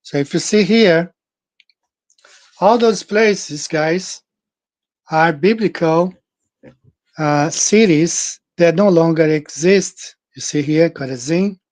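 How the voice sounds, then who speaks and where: A man hosting his own channel, talking through scripture in an earnest, halting way, with frequent restarts and fillers. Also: a little high, darkish tone, no room sound. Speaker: channel host. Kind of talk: casual monologue on scripture.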